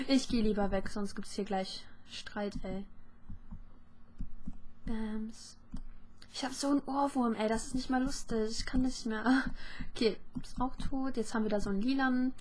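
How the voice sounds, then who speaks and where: A young woman giving lively, chatty commentary while playing a game, talking to her viewers and opponents. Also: on the high side, slight background noise. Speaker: gaming YouTuber. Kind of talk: casual let's play commentary.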